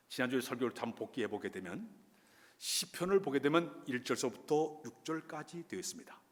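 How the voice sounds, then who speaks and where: A man preaches a sermon, voice at an ordinary pitch but full of movement. His delivery climbs on emphatic points and drops low between them. The sound carries a long, ringing reverb from a large church hall. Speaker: pastor. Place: church sanctuary.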